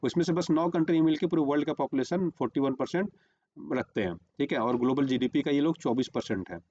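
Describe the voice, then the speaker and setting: A man's voice: fairly high pitch, fast talker, warm tone, lo-fi sound, a little hiss or hum. A man teaching a current-affairs lesson for exam prep, repeating "remember" and "okay" while marking a map on screen.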